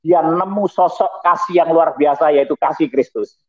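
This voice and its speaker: A middle-aged pastor tells his testimony in a lively, preachy manner, dropping chuckling asides. His voice sits a bit high for a man. The sound is thin and tinny, like a phone line. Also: normal speed. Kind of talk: testimony talk over slides.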